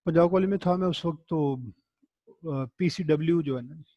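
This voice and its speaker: A man's voice: fairly high pitch, moderate pace, no echo, muffled recording. A middle-aged man, giving a recorded lecture in a conversational, encouraging way and telling anecdotes. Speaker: teacher.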